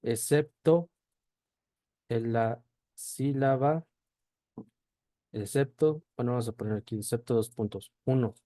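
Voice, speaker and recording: Slow, deliberate male language teacher. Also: mid-range voice, mellow, no echo. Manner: checks in with a constant "¿sí?" after each point; spells out sounds slowly, one at a time. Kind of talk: slow classroom explanation.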